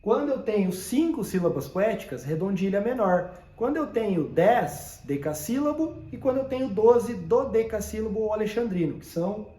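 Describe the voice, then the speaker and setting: A man's voice: sits high, animated, moderate pace, hardly any pauses, warm tone, reverberant. A man teaching a poetry lesson, explaining step by step and often checking that listeners follow.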